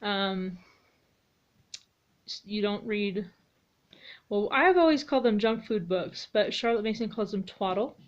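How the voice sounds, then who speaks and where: A woman's voice: medium pitch, measured pace, long pauses. A woman who homeschools her children, chatting casually in a vlog, rambling with lots of ums and restarts. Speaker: homeschooling mother vlogger. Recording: slightly dull lo-fi audio.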